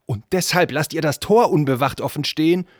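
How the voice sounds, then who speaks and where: A man's voice: on the high side, brisk, fairly bright tone, no room sound, studio quality, voice pushed up, lightly acted. A man voicing an angry young male sorcerer prince who speaks in a harsh, commanding tone.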